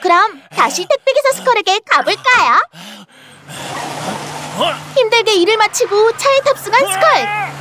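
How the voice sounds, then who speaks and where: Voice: very high-pitched, lively intonation, normal speed, pauses often, very noisy. A cartoon intro announcer narrating a children's show in a playful, exclamatory presenter's manner. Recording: music behind the voice. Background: music.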